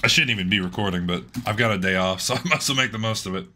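An Australian man with a hoarse voice gives casual, excitable gameplay commentary, swearing freely and talking to himself as he plays. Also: lowish voice, very fast, a little hiss or hum. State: hoarse, losing his voice. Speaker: gaming channel host. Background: game music.

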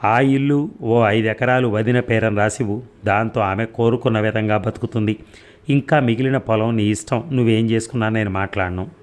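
A man voicing a younger brother who speaks in a steady, reasoning way in an audio story. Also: lowish voice, moderate pace, close to an everyday voice. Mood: firm.

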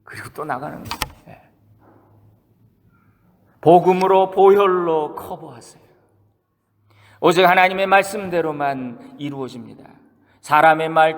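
A man's voice: a little high, a bit bright. A man preaching a sermon as pastor, talking conversationally with the congregation, asking them questions and acting out the quotes he tells. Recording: long reverb of a church hall.

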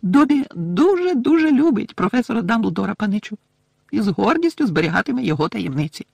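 A man voicing a timid, excitable male house-elf servant with a squeaky, servile way of talking in an audiobook. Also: brisk, vocal fry, no room sound, heavily acted. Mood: eager squeaky. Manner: squeaky, servile, calls everyone young master.

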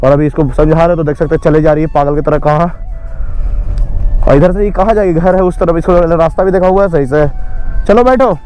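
A young man vlogging outdoors by a highway, scolding and insistent, talking to his viewers. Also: a little fast, darkish tone. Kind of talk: casual vlog talk.

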